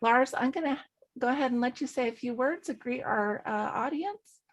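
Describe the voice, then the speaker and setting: A woman's voice: high voice, moderate pace. A woman hosting a webinar, reading formal legal housekeeping and a guest introduction from a script, with a few slips and restarts. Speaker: webinar director and host.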